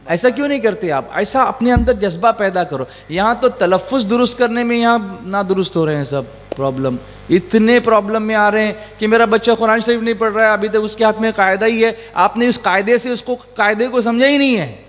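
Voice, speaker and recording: A man's voice: sits high, hardly any pauses. A middle-aged man teaching children about religion, mixing in English and asking them questions that he makes them answer back. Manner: asks the audience questions and drills answers back. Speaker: Quran teacher. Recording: echoey hall with faint hum.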